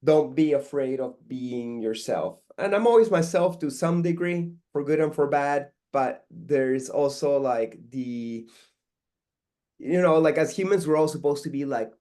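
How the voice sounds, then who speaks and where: Peruvian-raised man, relaxed and rambling. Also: a little high, unhurried. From Peru. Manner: relaxed, rambling with many fillers and restarts. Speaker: guest artist. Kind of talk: casual interview talk.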